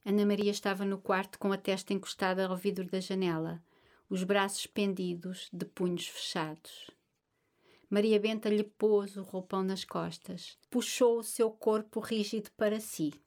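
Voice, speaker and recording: A woman reading a literary story aloud at a middle pitch. Her delivery is measured and expressive, the steady pace of scripted narration.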